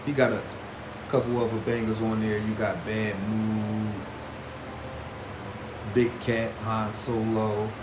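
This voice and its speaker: A man giving casual vlog commentary as a host, in informal, slangy speech with emphatic repetition. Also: fairly low pitch. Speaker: host reviewing battle rap artists. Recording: roomy echo with clear background noise.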